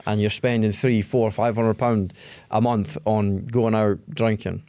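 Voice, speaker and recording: A man with a somewhat low voice talks casually as a podcast co-host, often laughing and circling back to restart his points. The sound is close and dry, with no room in it. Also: steady tone, a little slow, dark tone, dry recording. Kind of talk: casual chat.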